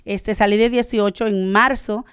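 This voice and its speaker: A woman's voice: medium pitch, fairly even intonation, moderate pace, clean tone, no room sound, studio quality. Honduran woman giving a heartfelt testimony. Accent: Honduran Spanish. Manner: earnest, searching for words with many "este" fillers. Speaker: guest. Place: studio.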